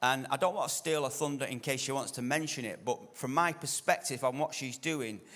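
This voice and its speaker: A man, a pastor giving an informal introduction of a guest speaker in church. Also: medium pitch. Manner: relaxed, informal.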